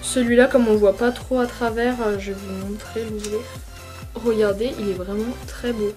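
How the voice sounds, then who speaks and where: A woman's voice: mid-range voice, steady tone, moderate pace, distant mic, over music. A young woman chatting through a casual vlog from a bedroom, hesitant with many fillers and apologies. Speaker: beauty vlogger. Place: her mother's bedroom, indoors. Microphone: camcorder mic.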